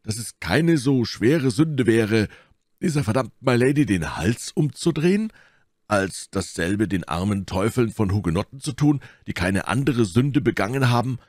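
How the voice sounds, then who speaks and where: A man doing a loud, blustering musketeer. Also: medium pitch, lively intonation, normal speed, no room sound, studio quality, pitched above the performer's own voice, close to an everyday voice. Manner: loud, emphatic.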